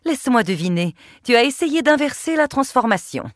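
A woman's voice: very animated, normal speed, dry recording, studio quality. A woman reading an audiobook, voicing a cruel, haughty queen who taunts and commands in a raised, mocking voice. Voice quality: sneering, shrill when angry. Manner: taunting, imperious. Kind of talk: audiobook character voice.

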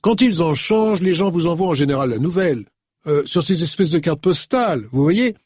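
A man's voice: a little high, animated, brisk, a little mellow, husky, dry recording, clean studio sound, pitched above the performer's own voice. A man reading an audiobook, voicing a chatty, rambling woman on the phone. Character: chatty contralto-voiced woman employer. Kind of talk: audiobook character voice.

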